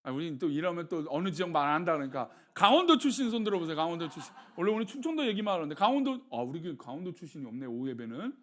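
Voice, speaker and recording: This middle-aged senior pastor from Seoul, South Korea, preaches a sermon at a racing pace with hardly any pauses. He is animated, asks his congregation questions, and drops his voice low for blessings.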